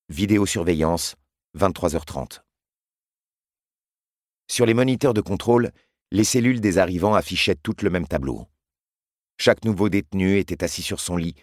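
Deep-voiced man narrating gravely. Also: no echo, clean studio sound. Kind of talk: scripted audiobook narration.

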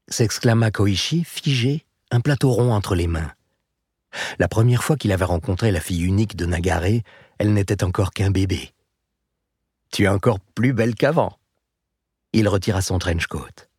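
A man with a low, husky voice narrates a novel in a measured, even way. The sound is dry and close, with no room around it. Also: no room sound. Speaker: audiobook narrator. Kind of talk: scripted narration.

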